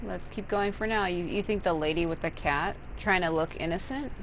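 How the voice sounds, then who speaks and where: Playing through a video game for a let's play, this woman speaks at a moderate pace in a voice on the low side, reading out choices with blunt sarcasm. The recording is rough, with slight background noise and video game music underneath.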